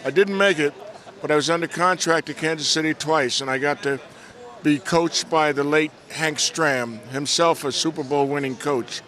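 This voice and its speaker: An older American man, a guest at an outdoor event, telling animated anecdotes and acting out the voices in a relaxed interview. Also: a little high, moderate pace. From United States. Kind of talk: casual storytelling interview.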